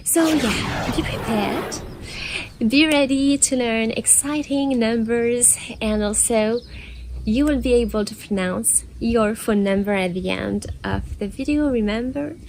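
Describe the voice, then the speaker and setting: Slow-talking French woman teaching. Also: fairly high pitch, gravelly, a little mellow, slight background noise. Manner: playful, laughs often, drills words slowly. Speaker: language teacher. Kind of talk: casual video lesson.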